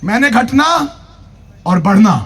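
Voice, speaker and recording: A man's voice: high-pitched, expressive, unhurried, husky. A man preaching at a church convention, telling a humorous personal story, acting out the dialogue and urging the congregation to clap. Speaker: pastor. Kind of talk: sermon.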